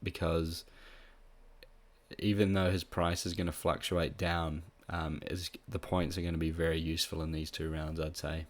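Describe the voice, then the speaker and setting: A man with a nasal voice from being a bit sick, talking through fantasy tips in a relaxed, casual way with plenty of ums. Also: low-pitched, moderate pace. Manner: relaxed, with frequent ums and restarts. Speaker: fantasy football tipster. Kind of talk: casual solo analysis.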